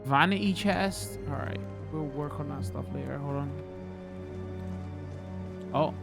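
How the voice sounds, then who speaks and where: A man's voice: fairly high pitch, unhurried, vocal fry, over music. A man hosting a gaming video with casual commentary, hesitant and thinking aloud as he plays.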